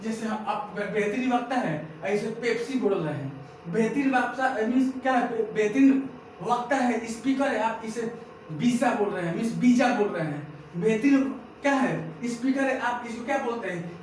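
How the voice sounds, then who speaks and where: A man teaching English pronunciation, repeating each word and quizzing the listener again and again. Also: sits high. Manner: drills words by repetition, keeps asking "what?". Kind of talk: pronunciation drill lesson. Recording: echoey room, mic far off, faint noise.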